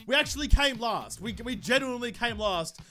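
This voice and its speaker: A man's voice: very high-pitched, animated, a little fast, sharp tone. An Australian man in his twenties giving casual, sweary gameplay commentary with exasperated, sarcastic ranting. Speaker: gaming video host.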